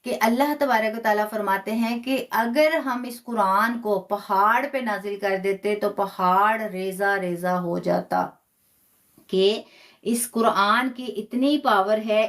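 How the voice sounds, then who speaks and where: A woman teaching a live online Quran class, patiently repeating key phrases and slowing down to demonstrate pronunciation. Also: a little high. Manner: stretches words slowly when demonstrating pronunciation.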